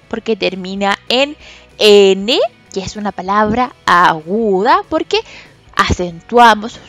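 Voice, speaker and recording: A woman teaching a recorded lesson to children, speaking slowly and patiently and stretching out example words with loud stress on syllables. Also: high-pitched, no room sound. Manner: slow, patient, stresses syllables loudly and drawn out when giving example words. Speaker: special education teacher.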